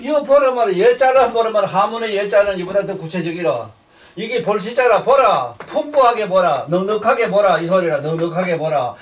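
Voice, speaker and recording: Older preacher ranting bluntly. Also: male voice, high-pitched, animated, fairly quick, recorded from a distance. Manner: blunt, swears and rants, repeats words. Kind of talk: sermon.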